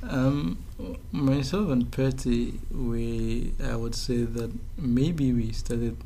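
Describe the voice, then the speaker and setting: A young man chats as a guest in a relaxed interview. He talks haltingly, restarting his sentences and filling pauses, at an ordinary pitch, with faint background noise. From Ghana. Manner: hesitant, many restarts and fillers, laughs easily. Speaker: guest, graduate student. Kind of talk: casual interview.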